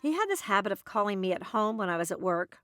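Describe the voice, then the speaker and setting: A woman's voice: mid-range voice, sing-song, fast, a bit bright, soft background music. A woman narrating her own documentary in a wry, dry storytelling manner.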